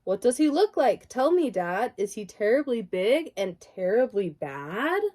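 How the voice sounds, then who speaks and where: A woman's voice: a little high, big pitch swings, a little slow, darkish tone. A woman voicing a curious, brave little monster girl who asks eager questions.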